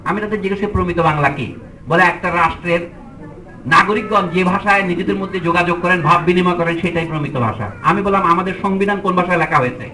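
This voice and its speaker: Teacher from Bangladesh delivering a public lecture. Argumentative speaker with a bright, forceful voice, heavy on rhetorical questions. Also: male voice, high-pitched, fast talker, recorded from a distance, slight background noise, low-quality recording. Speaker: teacher giving a public speech.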